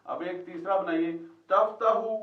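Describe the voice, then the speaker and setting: A man's voice: high-pitched, fairly even intonation, unhurried, a little hiss or hum. Man teaching in an echoey classroom. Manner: quizzing, repeating students' answers. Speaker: Quran Arabic teacher. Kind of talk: classroom lesson with questions to students. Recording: echoey, distant, dull lo-fi classroom recording.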